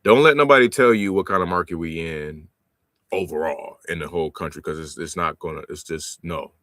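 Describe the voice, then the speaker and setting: A man's voice: sits low, fairly quick, fairly bright tone, no room sound, clean studio sound. A man in his forties hosting a live stream about real estate wholesaling, talking in a laid-back, slangy way and laughing often. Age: 40s. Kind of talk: live-stream sales calls and commentary.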